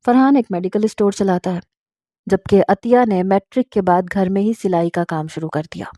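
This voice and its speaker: A woman narrating a family story in a calm, even way. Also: mid-range voice, moderate pace, no room sound, clean studio sound.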